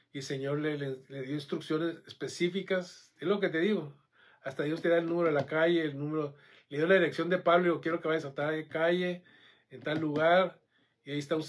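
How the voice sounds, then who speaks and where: Preacher guy, lively and chatty, keeps asking the crowd questions, voice sits a bit high. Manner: animated, conversational, asks the congregation questions. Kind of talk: sermon.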